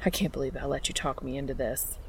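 Jittery young guy scared of heights, read by a woman, slightly gravelly, storybook. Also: rumbling low, steady tone, fast, a little hiss or hum, voice pushed down. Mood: nervous. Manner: jittery, self-deprecating. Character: nervous young adult man afraid of heights.

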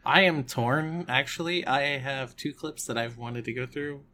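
Man, bright forceful voice, medium pitch, casual podcast chat, faint noise. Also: a little slow. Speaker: podcast host and player.

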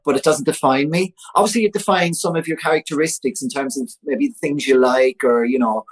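A man in his forties, a podcast guest telling a personal story in a chatty, animated way full of fillers. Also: on the high side, a little fast, rough recording. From Ireland. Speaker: interview guest.

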